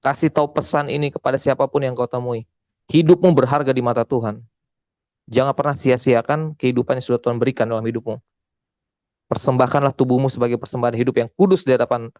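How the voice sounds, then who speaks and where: A man's voice: mid-range voice, gravelly, a little mellow, dry recording, muffled recording. A man preaching and giving a testimony in a conversational, emphatic way, often calling out to his listeners. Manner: conversational, addresses listeners as saudara, emphatic repetition. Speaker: evangelist preacher. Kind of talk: sermon testimony.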